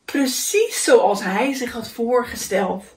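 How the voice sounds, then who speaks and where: A woman's voice: a little high, expressive, slow pace, echoey room, distant mic. A woman reading a children's picture book aloud, telling the story expressively and voicing the characters.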